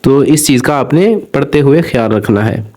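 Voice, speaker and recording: A man's voice: mid-range voice, mellow. Patient man teaching Quran recitation. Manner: patient, spells each letter and then stretches the joined word slowly. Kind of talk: spelling out and drawing out Arabic syllables in a recitation lesson.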